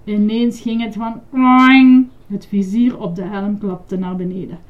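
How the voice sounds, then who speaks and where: A woman lively and expressive as she reads a children's story aloud. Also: mid-range voice, normal speed, highs cut off.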